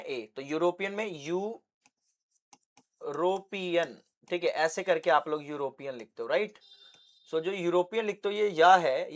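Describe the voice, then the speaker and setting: A young man teaching English basics with a Hindi accent, asking questions and answering them himself. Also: fairly high pitch. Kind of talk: classroom lesson.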